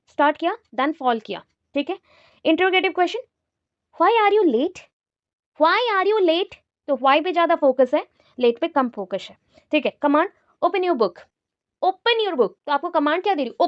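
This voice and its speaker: High-voiced woman teacher, dry close sound. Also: no room sound, lo-fi sound. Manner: mixes Hindi and English, reads out and explains example sentences. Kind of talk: exam-prep lecture.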